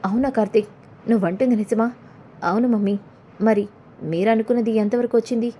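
A fond middle-aged mother coaxing her son, read by a woman narrator. Her voice is mellow and fairly high. It is a storybook-style telling. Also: steady tone, brisk, a little hiss or hum, lightly acted.

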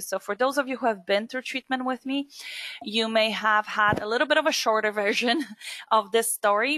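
Bright-voiced woman from Poland presenting. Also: mid-range voice, no room sound. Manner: chatty, many fillers and asides. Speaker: skincare distributor presenter. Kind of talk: webinar presentation.

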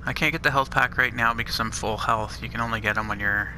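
A man's voice: medium pitch, steady tone, fast, bright, forceful tone, slight background noise. A man giving easygoing, casual commentary while playing a shooter, reacting to each find as he goes. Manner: easygoing, muttering reactions to finds. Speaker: gamer playing a custom map. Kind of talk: casual let's-play commentary.

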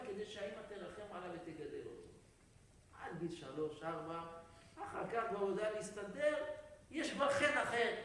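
A man's voice: sits high, slight background noise. A man giving a sermon as a rabbi, telling stories dramatically with rising emphatic exclamations. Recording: echoey hall, speaker far from the mic.

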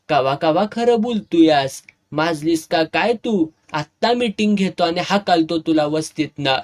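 Man doing a ranting snake charmer, high strained shouts. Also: natural voice. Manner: wailing, bitter ranting.

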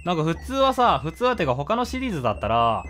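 Man, casual game commentary, low mumbled asides, lively pitch. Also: quick pace, soft background music. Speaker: game streamer. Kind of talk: casual let's-play commentary.

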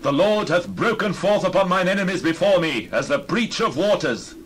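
A man's voice: high voice, lively intonation, normal speed, a bit bright, a little hiss or hum. An actor playing a devout warrior king in a solemn, earnest dramatized Bible reading. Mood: exultant. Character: King David, devout, longing male warrior leader.

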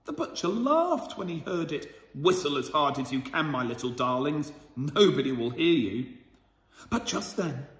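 Man reading a children's story aloud. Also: high-pitched. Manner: gentle, chatty, asks the listeners questions. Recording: roomy with long reverb.

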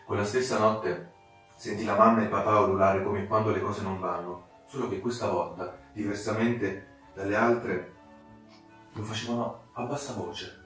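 A man's voice: fairly low pitch, normal speed. Man narrating a fairy tale in a very echoey room. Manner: expressive, dramatic storytelling. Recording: very echoey room, distant mic, soft music.

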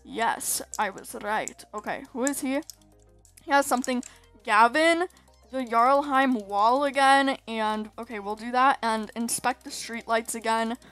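Brief: high-pitched woman for casual gaming commentary, talkative and quick to exclaim in frustration. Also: fairly bright tone, faint music behind. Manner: chatty, often exasperated, exclaims a lot. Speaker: gaming YouTuber.

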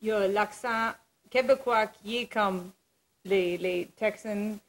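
A woman's voice: medium pitch, slow pace, rough recording. A woman from Canada with a Canadian French accent, chatting as a guest singer and laughing often. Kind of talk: casual chat.

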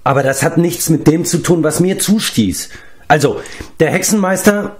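A man's voice: medium pitch, animated, normal speed, a little mellow, pitched above the performer's own voice, natural voice. A man voicing a whiny, self-pitying male giant in an audiobook reading, wailing his complaints.

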